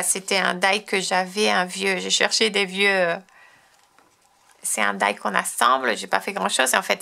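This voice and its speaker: A woman's voice: medium pitch, gravelly, bright, forceful tone. A French woman hosting a crafting tutorial, chatting casually and enthusiastically as she shows her cards. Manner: chatty, enthusiastic, frequent restarts and fillers. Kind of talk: casual show-and-tell tutorial.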